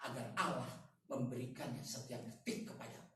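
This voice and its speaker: A man preaching a sermon at a prayer meeting, animated and full of rhetorical questions and slangy asides. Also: mid-range voice, a little fast. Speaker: evangelist preacher. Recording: echoey room, distant mic, faint noise.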